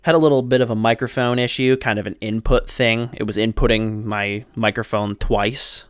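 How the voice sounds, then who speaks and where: A man's voice: lowish voice, steady tone, moderate pace, smooth, no echo, clean studio sound. A man casually apologizing while his voice comes through a robotic, doubled-up mic glitch. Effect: robotic doubled sound from a mic input glitch. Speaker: co-host of a building game video series. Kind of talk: casual game commentary.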